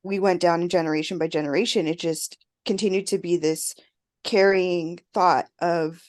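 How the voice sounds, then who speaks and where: Hoarse woman co-host, chatty podcast talk. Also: on the low side, fairly even intonation, normal speed, a little mellow. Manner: conversational, reflective. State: losing her voice, clearing throat. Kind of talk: casual chat.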